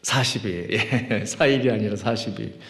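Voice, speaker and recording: Echoey pastor preaching in a church hall. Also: male voice, fairly low pitch, gravelly, fairly bright tone. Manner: chanting, drawn-out scripture reading; rising, fervent pleading in prayer. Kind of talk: sermon with scripture reading and prayer. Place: church sanctuary.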